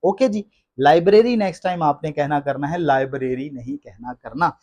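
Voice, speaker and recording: A man teaching English pronunciation, repeating each word slowly and with emphasis. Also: a little high, animated, a little mellow. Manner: repeats words slowly and emphatically, addresses listeners as friends. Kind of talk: classroom-style explanation in Hindi.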